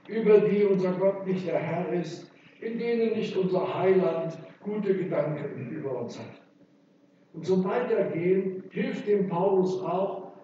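Man preaching slowly in an echoey church. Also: high-pitched, dark tone, slight background noise. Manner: emphatic, with slow stressed phrases. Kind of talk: sermon. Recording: echoey church from far off, dull sound.

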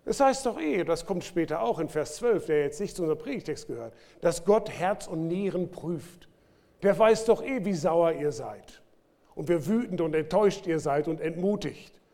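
Male pastor, slightly high voice, animated sermon delivery with big swings in volume. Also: moderate pace, vocal fry. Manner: lively preaching with sudden loud bursts and quiet drops. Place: church.

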